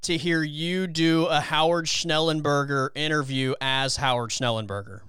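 Young man, podcast host, easygoing questions, smooth clear voice, dry close mic. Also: on the high side, steady tone, normal speed, bright, forceful tone, dry recording. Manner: easygoing, asks questions with short agreements. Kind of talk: casual podcast chat.

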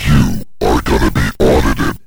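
A radio morning show host speaking through a cheap voice changer that makes his voice deep and evil, slowly reading cheery lines in a menacing way. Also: fairly even intonation, gravelly, loud music behind the voice. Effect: cheap voice changer making the voice deep and evil. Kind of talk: casual radio banter.

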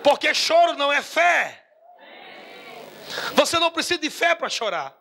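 A man preaching a sermon with fervor, laughing often and breaking into shouts. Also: extremely high pitch, big pitch swings, normal speed, gravelly, crowd noise. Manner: fervent, laughing, bursts into shouts.

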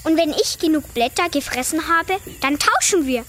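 A woman's voice: high voice, normal speed, a little hiss or hum. Chatty grumbling giraffe, read by a woman. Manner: lively, complaining storybook voice. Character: grumbling young female giraffe, chatty and dreamy. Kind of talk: children's storybook reading.

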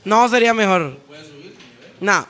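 A man's voice: high voice, animated, a bit bright. A Costa Rican man, a guest DJ, talking in a loose, defensive way in a casual chat. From Costa Rica. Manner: defensive, repeats "suave" to slow others down.

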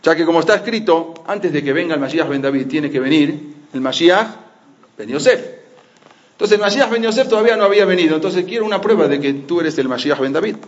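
A man teaching a religious history lesson as an animated story, sometimes slipping into the voices of the people he quotes. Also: fairly high pitch, a little fast. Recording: muffled lo-fi audio.

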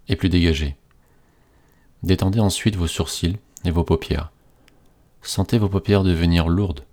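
A man reading a scripted guided relaxation in a slow, soothing, hypnotist-like manner with repetitive phrasing. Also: sits low, dark tone.

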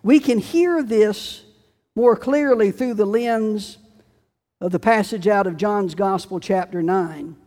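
Slow-speaking preacher in a reverberant church. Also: male voice, high voice. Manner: storytelling, slow and deliberate with dramatic quoted shouts. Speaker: pastor. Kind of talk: sermon. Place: church sanctuary. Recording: long reverb of a church sanctuary.

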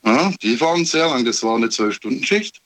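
A man from Heilbronn calling in to a radio show and haltingly telling a personal story with many pauses. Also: medium pitch, lively intonation. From Heilbronn, Germany. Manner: hesitant, many fillers and restarts. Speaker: caller. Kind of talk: recounting a personal story on a call-in. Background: radio playing quietly.

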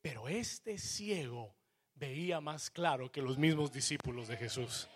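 A blind man preaching a sermon, swinging between loud shouts and low murmurs and dropping into English asides. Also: measured pace.

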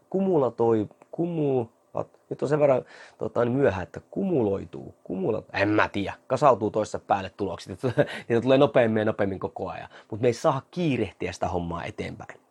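Husky-voiced man with lively, swinging pitch. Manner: reads out short quotes slowly, then comments on them. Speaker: fitness coach. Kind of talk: casual talk to camera.

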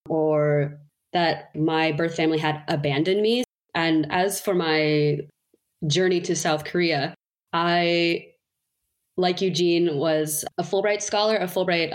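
Woman guest, lowish voice, casual candid storytelling. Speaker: podcast guest. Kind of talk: personal storytelling interview.

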